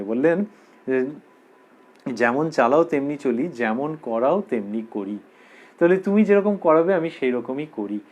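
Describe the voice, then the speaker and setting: Guy with a fairly high voice giving a spiritual talk, slow and explaining, goes back over the same lines. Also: warm tone, muffled recording. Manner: explains slowly, repeating quoted verses for emphasis. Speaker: religious lecturer. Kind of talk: spiritual discourse.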